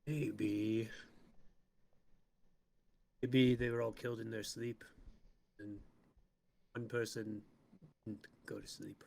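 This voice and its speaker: A man playing a tabletop game, thinking aloud in a slow, musing way. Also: on the low side, level tone, creaky, a little mellow, slight background noise. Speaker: player. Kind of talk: casual tabletop game chat.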